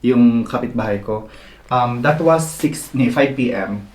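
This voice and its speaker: A man with a Filipino accent, co-hosting a podcast and telling lively stories in casual chat, mixing in English. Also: mid-range voice, unhurried, roomy sound. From Philippines. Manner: animated storyteller, mixes Tagalog and English. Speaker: podcast co-host.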